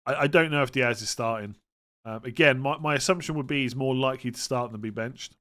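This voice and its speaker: A man with a West Country accent hosts a casual livestream. He speaks informally at an average pitch, reading questions aloud and giving matter-of-fact answers. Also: brisk, fairly bright tone. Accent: West Country English. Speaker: fantasy football livestream host.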